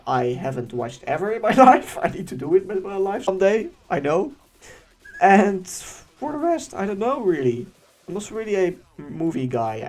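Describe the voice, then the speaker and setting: A young man with a Dutch accent, whose first language is Dutch, hosting a casual Q&A and answering viewer questions in a chatty, animated way. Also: on the high side. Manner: chatty and animated, laughing often. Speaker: YouTube channel host.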